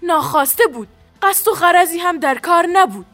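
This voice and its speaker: A woman's voice: sits high, a bit bright, soft background music, pitched above the performer's own voice. A woman voicing a tall young woman guard who speaks Persian with a Kurdish accent, curt and obedient. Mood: apologetic. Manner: curt, obedient to her boss.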